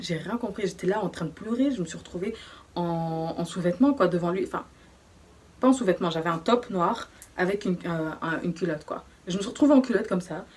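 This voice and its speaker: A young woman telling a personal story in a casual, slangy way, often hushed, with many fillers. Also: on the low side, husky. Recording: voice distant from the mic.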